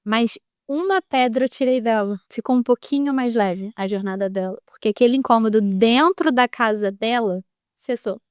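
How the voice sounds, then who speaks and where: Smooth-voiced woman telling a lively story. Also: a little high, moderate pace, dry recording, studio quality. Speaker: building manager guest. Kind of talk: podcast interview storytelling.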